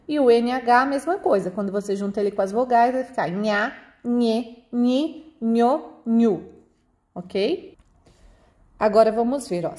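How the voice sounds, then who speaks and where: A woman with a Brazilian accent teaching young pupils a remote lesson, patiently slowing down to spell out example words. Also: on the high side, a little mellow. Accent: Brazilian Portuguese. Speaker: primary school teacher.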